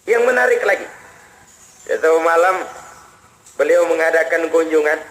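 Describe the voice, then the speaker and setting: High-voiced preacher telling stories. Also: male voice, moderate pace, a bit bright, poor audio. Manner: acts out characters, shifting from high wails to low murmurs. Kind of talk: storytelling sermon. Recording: faint background noise, old radio recording.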